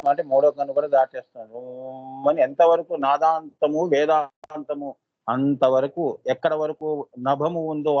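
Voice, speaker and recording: A man speaking as a spiritual teacher gives a devotional discourse, often asking his listeners "right?" and slowly chanting seed syllables. His voice is fairly high, and the recording is dry and muffled.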